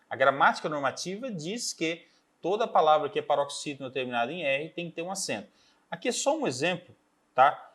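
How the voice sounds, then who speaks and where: Teacher explaining grammar rules. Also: male voice, a little high, fairly bright tone. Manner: explains step by step, checks in with "tá?". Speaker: Portuguese teacher. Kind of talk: recorded exam-prep lesson.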